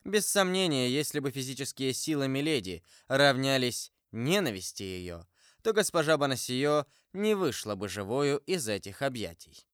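A male narrator reads a classic novel in a smooth, resonant voice with lively intonation. The reading is expressive and literary. The recording is dry and close. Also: medium pitch, moderate pace, dry recording. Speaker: audiobook narrator. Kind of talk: scripted narration.

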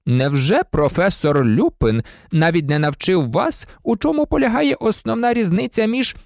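An audiobook reader voicing a cold, sneering male professor with a slow, silky, menacing delivery. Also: medium pitch, animated, creaky, a little mellow, dry recording, studio quality, pitched above the performer's own voice. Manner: icy, contemptuous.

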